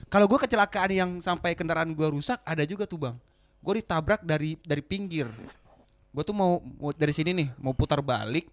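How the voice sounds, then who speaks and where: A young man from West Sumatra telling a road story in slangy, animated podcast chat. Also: a little high, fairly quick. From West Sumatra, Indonesia. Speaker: comedian podcast guest.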